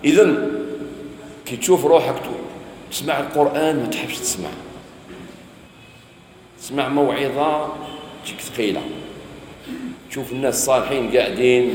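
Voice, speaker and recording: A man's voice: medium pitch, slight background noise. A man with an Algerian accent giving a religious lesson, quizzing his listeners and telling everyday stories as he teaches. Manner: lively teaching, asks students questions, tells stories. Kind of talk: sermon. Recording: echoey hall, faint ambience.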